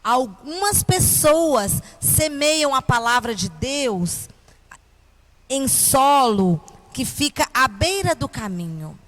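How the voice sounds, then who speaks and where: Slow, high-voiced Brazilian kindergarten-teacher woman. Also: big pitch swings, a bit bright. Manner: kindergarten teacher voice, simple didactic phrasing addressed to children. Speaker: children's Bible class teacher. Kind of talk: children's Bible lesson with questions to the audience.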